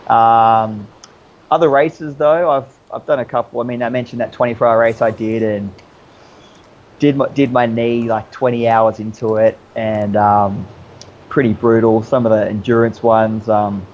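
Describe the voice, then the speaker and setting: A man's voice: mid-range voice, fairly even intonation, moderate pace, a little mellow, highs cut off, slight background noise. A man chatting casually as a guest, telling stories in an easygoing, rambling, slangy way. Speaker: interview guest, obstacle racer. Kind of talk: casual storytelling chat.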